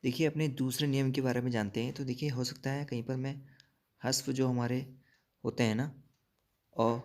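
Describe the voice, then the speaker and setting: A man teaching an exam-prep spelling lesson, explaining slowly, repeating words and asking checking questions. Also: mid-range voice, steady tone, a little mellow. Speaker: Hindi teacher.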